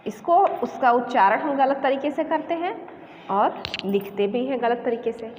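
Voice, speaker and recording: A woman teacher with a fairly high voice talks slowly and deliberately through a spelling lesson, repeating each word. The room is echoey with a long reverb tail and a faint hiss underneath. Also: expressive, a little mellow.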